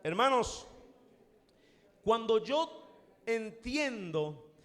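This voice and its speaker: A man's voice: very high voice, very animated, very slow, long reverb tail. A man preaching a sermon to a congregation, emphatic and repetitive, calling out to the listeners directly. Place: church hall.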